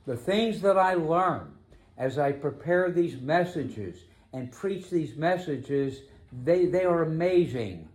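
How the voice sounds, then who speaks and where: A man preaching a sermon as pastor, emphatic, slowing down to stress key phrases. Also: fairly high pitch, animated, a little mellow.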